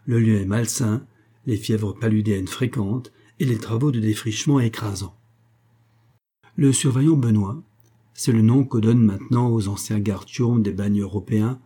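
A man reading a novel aloud as an audiobook narrator, in a measured, descriptive storytelling manner. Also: on the low side, mellow, breathy edge.

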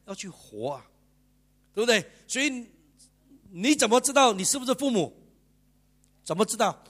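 A male pastor, giving a lively, chatty sermon and keeping the congregation engaged with constant rhetorical questions. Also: extremely high pitch, moderate pace. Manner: lively, chatty preaching with bursts of laughter. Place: church service.

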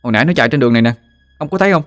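Man playing a panicky stammering boy; quick, raised pitch, dry read. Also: lively intonation, dry recording, soft background music, close to an everyday voice. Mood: frightened. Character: frightened young boy, stammering.

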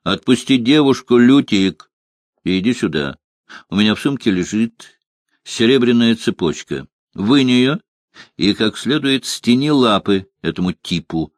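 A man voicing a gruff, stern male monster hunter who speaks curtly and commandingly. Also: on the low side, expressive, unhurried, no room sound, studio quality. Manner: curt, commanding.

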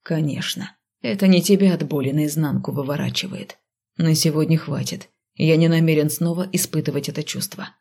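A woman voicing a gruff, curt male necromancer. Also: fairly even intonation, a little fast. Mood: irritated. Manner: curt, snapping, low and hushed. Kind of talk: audiobook reading.

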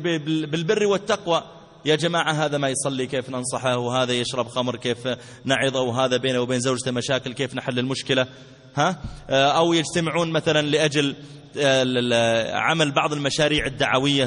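A man's voice: on the high side, a bit bright. A man giving a religious lesson, telling stories animatedly with colloquial asides. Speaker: preacher. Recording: long hall reverb.

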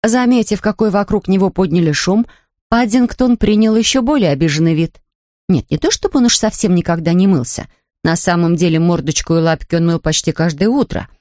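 A woman narrates a children's storybook in a lively, expressive way. Her voice sits on the lower side and sounds dry and close to the mic. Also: brisk, no echo. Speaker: audiobook narrator.

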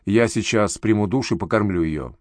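A man's voice: on the low side, normal speed, dry recording, studio quality, close to an everyday voice. A man voicing a young new mother who is emotional, lovesick and desperate, pleading and accusing by turns, in a spoken story. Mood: flat.

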